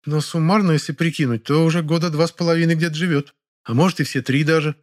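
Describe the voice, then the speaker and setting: A man's voice: fairly high pitch, steady tone, quick pace, pitched above the performer's own voice, close to an everyday voice. A man reading an audiobook, voicing a gossipy middle-aged woman neighbor who tattles with glee. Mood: tattling. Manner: tattling, gloating.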